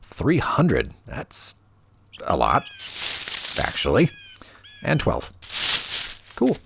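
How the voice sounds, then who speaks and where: A man with a very low voice talks through his gameplay in an unhurried, wry way. His pitch swings widely as he reacts, and steady rain noise sits clearly behind him. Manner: relaxed, wry, thinking aloud. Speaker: let's play host. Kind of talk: casual gameplay commentary.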